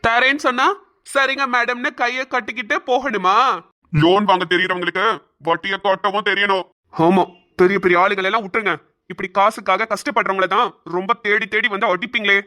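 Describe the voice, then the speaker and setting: A woman doing an arrogant bank officer in a cartoon, bright and forceful, barking orders and threatening people over unpaid interest. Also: mid-range voice, fairly even intonation, fairly quick, voice pushed down, close to an everyday voice. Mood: rude. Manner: rude, menacing, bossy. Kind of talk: cartoon voice acting.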